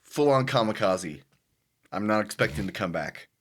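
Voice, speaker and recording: A man playing a tabletop game, excitable and dramatic, often laughing. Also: fairly low pitch, moderate pace. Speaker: player.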